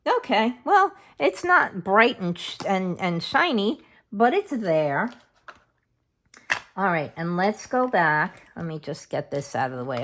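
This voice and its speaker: A woman narrating a casual paper craft tutorial at her worktable, chatty and thinking aloud as she goes. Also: lowish voice. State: has hiccups.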